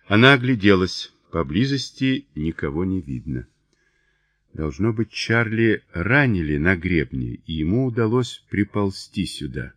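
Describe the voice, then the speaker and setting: A man narrating a thriller audiobook in a measured, expressive way. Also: lowish voice, dry recording.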